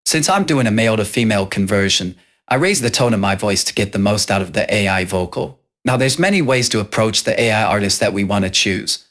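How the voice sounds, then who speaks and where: A man hosting a casual software tutorial, explaining step by step. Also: on the low side, expressive, a little fast. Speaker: tutorial host.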